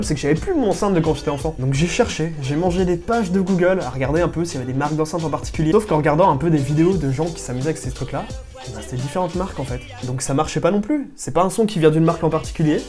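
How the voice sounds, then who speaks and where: Fast-talking French tech vlogger. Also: male voice, a little high, faint music behind. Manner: fast, chatty and excited, with slangy asides. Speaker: tech YouTuber. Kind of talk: casual investigative vlog narration.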